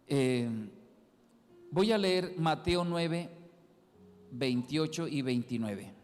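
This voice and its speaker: A man preaching a sermon as pastor, emphatic, rising loud and dropping soft as he repeats key words. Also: fairly high pitch, lively intonation, extremely slow, in a large hall, faint music behind. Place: church hall.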